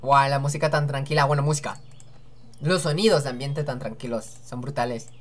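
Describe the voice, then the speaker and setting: A woman's voice: rumbling low, steady tone, brisk. A young woman hosting a let's-play, chatting and joking to herself as she reads game dialogue aloud. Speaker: gaming channel host.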